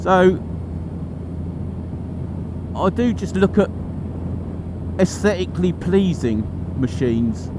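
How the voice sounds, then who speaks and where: Riding along, a middle-aged man vlogs in a high, expressive voice, speaking slowly with long pauses. His commentary is a casual, thoughtful ramble, musing and chatty in colloquial style. The recording is loud with engine, traffic and road noise.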